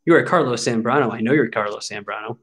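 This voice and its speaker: A man's voice: mid-range voice, fast talker. A man in his forties talks through opening packs of cards in an easy, chatty way. His voice sits mid-range, and he keeps up a wry, mock-grumbling commentary on each pull. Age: 40s. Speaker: card break host. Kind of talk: casual card-opening commentary.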